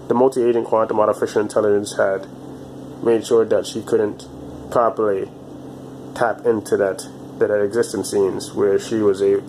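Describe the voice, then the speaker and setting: A man in his twenties talking alone to his channel in a halting, repetitive way, often restarting his phrases. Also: lowish voice, background noise. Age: 20s. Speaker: vlogger. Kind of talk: casual monologue to camera.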